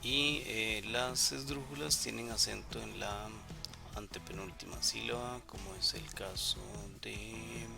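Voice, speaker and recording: Male teacher, gravelly voice, patient step-by-step explaining, hesitant fillers, music playing behind. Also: on the low side, fairly even intonation, unhurried. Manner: patient explaining, frequent "eh" and tag questions. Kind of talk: recorded lesson talking through exercises.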